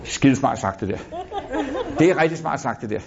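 A man's voice: mid-range voice, lively intonation, vocal fry. A middle-aged man giving a live motivational talk, blunt and swearing freely, constantly quizzing the crowd. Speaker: motivational speaker. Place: in front of a live audience. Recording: dull lo-fi recording.

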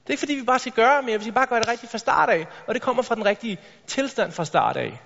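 A man giving an energetic motivational talk on stage, addressing the audience directly with rhetorical questions. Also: very high voice, vocal fry. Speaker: motivational speaker. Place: large hall with a stage. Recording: reverberant hall, dull lo-fi sound.

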